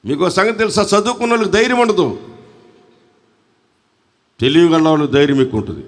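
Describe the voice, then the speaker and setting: A man's voice: a little high, lively intonation, quick pace, in a large hall. A man with a Telugu accent preaching a sermon at a church service, fervently calling on the congregation to respond. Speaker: pastor.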